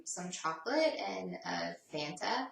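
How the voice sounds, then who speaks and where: Low-voiced woman chatting in an echoey room. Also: measured pace, gravelly, slight background noise. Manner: relaxed, chatty, frequent "um" fillers. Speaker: bike traveler answering viewer questions. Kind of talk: casual Q&A chat. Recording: roomy echo, voice from a distance.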